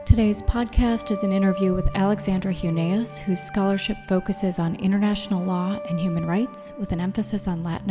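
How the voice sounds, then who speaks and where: A woman hosting a podcast, reading a scripted introduction in a measured, deliberate way and then asking interview questions. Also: mid-range voice. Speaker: podcast host. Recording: reverberant room with music underneath.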